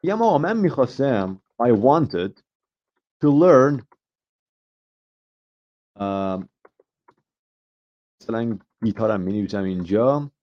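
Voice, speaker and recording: A man's voice: medium pitch, very animated, pauses often. Guy teaching ielts live, kinda dull muffled stream audio, quizzes the class, tosses in english examples. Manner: asks the class questions and explains step by step; mixes English example phrases into his explanations. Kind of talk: live online grammar lesson.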